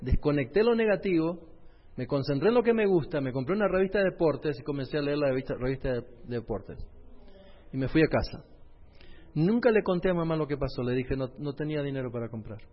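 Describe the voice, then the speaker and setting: Man, pastor telling his story, slightly high voice, long hall reverb, dull lo-fi sound. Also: animated, brisk. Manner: storytelling, addresses the audience directly. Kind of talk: personal testimony in a sermon.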